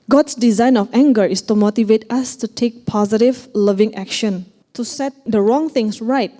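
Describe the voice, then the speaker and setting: Woman with slang, mellow voice. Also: on the high side, a little slow. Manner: mixes English phrases into casual slang, frequent fillers; animated when acting out examples. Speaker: church youth leader giving a talk. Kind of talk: casual talk to a group.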